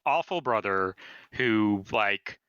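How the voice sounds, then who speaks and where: A man chatting on a gaming podcast, retelling story events with animated, quick remarks. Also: fairly low pitch, clean tone, dry recording, dull audio. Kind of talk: casual podcast chat.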